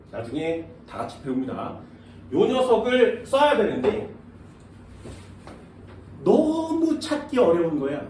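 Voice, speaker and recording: A man's voice: on the high side, darkish tone. A man teaching science to a class, often checking whether students follow. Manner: questioning students often, casual banmal mixed with polite speech. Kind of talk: classroom lecture. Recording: echoey classroom from far off, faint noise.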